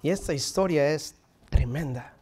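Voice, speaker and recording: Animated preacher man, higher voice. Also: normal speed, husky. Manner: animated preaching, dropping to near whispers for emphasis. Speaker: pastor. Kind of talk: sermon. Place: stage in front of a curtain, indoors.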